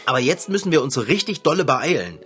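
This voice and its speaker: A woman playing a cheerful, excitable young bike mechanic in a children's audio drama, eager, chatty and informal. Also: sits low, quick pace, faint music behind. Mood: relieved.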